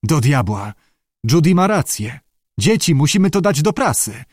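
A man voicing an eager young American man who speaks loudly. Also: a little high, very animated, moderate pace, no echo, clean studio sound. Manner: loud, eager.

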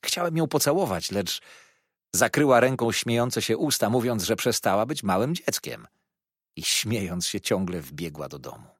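A man reading a novel aloud in the first person, expressive and measured. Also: lowish voice, slightly rough, dry recording, clean studio sound. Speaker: audiobook narrator. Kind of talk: scripted first-person narration.

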